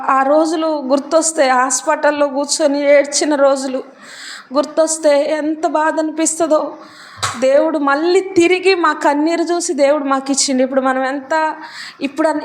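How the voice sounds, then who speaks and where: A woman's voice: high voice, a bit bright. A woman preacher, giving a sermon that mixes personal testimony with emphatic, repeated declarations.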